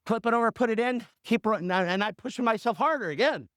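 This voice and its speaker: A man in his fifties, a coach and radio host, telling a motivational story in an animated way with punchy repetition. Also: very high voice, fast talker, dry recording, studio quality.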